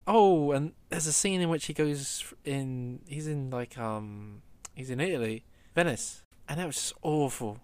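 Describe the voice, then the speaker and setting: A man co-hosting a casual film chat, opinionated and animated, stumbling over his words. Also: on the high side, a little slow, hardly any pauses, smooth, no room sound. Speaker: film podcast co-host.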